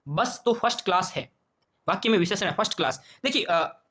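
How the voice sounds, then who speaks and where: A man with a Rajasthani Hindi accent goes through an exam paper. His voice sits high and his pace is quick. He keeps asking questions aloud and repeating them the way a teacher does. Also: expressive, bright, forceful tone. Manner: quizzing, repeats questions and answers to himself. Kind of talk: exam paper walkthrough lesson.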